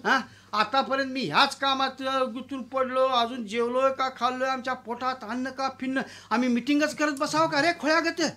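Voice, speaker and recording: A man voicing a bossy, loud old village landlord who scolds and mocks his helper in a told story. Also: extremely high pitch, normal speed, pitched above the performer's own voice. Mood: scolding.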